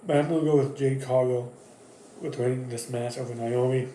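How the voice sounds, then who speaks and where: A man's voice: medium pitch, fairly even intonation, fairly quick, dark tone, a little hiss or hum. A man hosting his own wrestling channel, giving casual predictions in a loose, rambling way full of fillers and restarts. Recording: echoey room.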